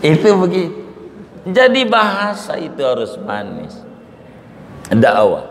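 A middle-aged male Islamic preacher, telling stories in a lively, colloquial sermon and acting out the dialogue. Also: on the high side, takes it slowly. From Banten, Indonesia. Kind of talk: sermon with storytelling. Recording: echoey hall with faint noise.

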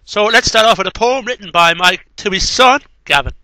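This thirtysomething man reads poetry as an amateur in a small cluttered bedroom, adding offhand remarks into his headset mic; he also makes videos. His voice is high-pitched, expressive, bright and forceful, moving a little fast with no echo.

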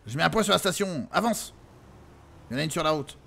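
A man streaming and role-playing a character in a driving game, excitable and panicky, swearing as he talks. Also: on the high side, quick pace, gravelly, slightly rough.

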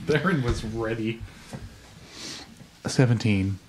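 A man with an average-pitched voice chats as a player in a tabletop role-playing game. A faint noise sits behind his voice. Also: slow, poor audio. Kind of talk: casual in-game table chat.

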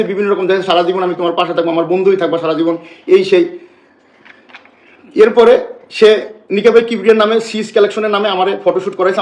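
Agitated, high-voiced man, fast. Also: reverberant. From Bangladesh. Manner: agitated, repetitive, rambling. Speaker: live-stream speaker. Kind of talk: emotional live-stream complaint.

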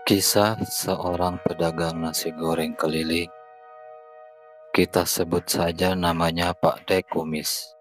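A man narrating a horror story in a slow, measured storytelling voice. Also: low-pitched, little pitch movement, soft background music, poor audio.

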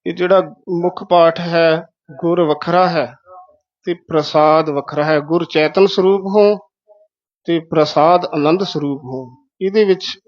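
A man teaching the correct recitation of scripture, slowly repeating words syllable by syllable. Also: fairly high pitch, dull audio. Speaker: Gurbani pronunciation teacher.

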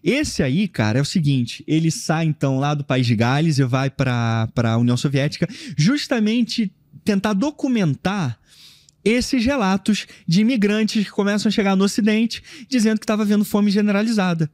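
Podcast guest, thirties man, high voice, dry close sound, emphatic explainer. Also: animated, normal speed, darkish tone, dry recording. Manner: emphatic, explains with broad hand gestures. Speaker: history guest. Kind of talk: casual podcast conversation. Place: studio room with bookshelves. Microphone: podcast mic on boom arm.

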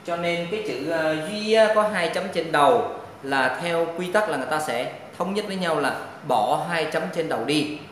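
Male teacher with a Vietnamese accent, patient and drawn out, drilling pronunciation in a boomy room. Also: animated, a bit bright. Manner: patient, drawn-out model readings of syllables. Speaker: Chinese language teacher. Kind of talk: pronunciation lesson. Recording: very echoey room, faint noise.

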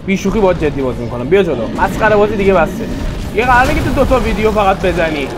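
Gaming YouTuber, man, wildly swinging pitch, taunts and yells at enemies over game music. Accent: Persian. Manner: excitable, taunting the enemies, loud swings into yelling. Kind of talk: let's play commentary.

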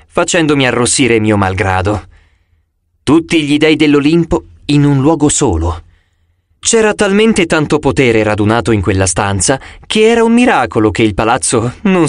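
A man reading a novel aloud as an audiobook narrator, expressive and shifting his voice for each character. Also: mid-range voice, no echo, studio quality.

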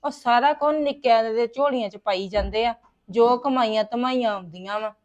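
A woman's voice: fairly high pitch, lo-fi sound, natural voice. An actress playing a married daughter venting to her mother about her in-laws in a domestic drama. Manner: aggrieved, rapid complaining. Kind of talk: domestic web drama acting.

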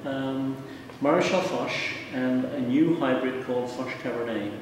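An older winery owner and winemaker talks bluntly and emphatically in a casual interview, often repeating words while he thinks. His mid-range voice is a little slow and darkish, with slight background noise. A handheld mic and wide camera catch him from far off in an echoey indoor tasting room at a large winery.

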